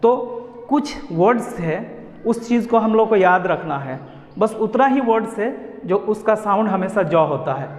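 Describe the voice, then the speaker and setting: A man teaching an English pronunciation lesson, spelling letters out and repeating each word slowly. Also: high-pitched, animated, a little mellow. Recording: echoey room with long reverb.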